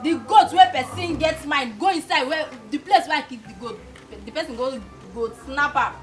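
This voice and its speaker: Actress as shrill, angry Nigerian Pidgin-speaking wife. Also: female voice, normal speed, natural voice. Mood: aggrieved. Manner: loud, scolding, repeats phrases for emphasis. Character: angry, wronged compound wife whose goat was stolen. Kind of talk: Nigerian comedy film acting. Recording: music and crowd behind the voice.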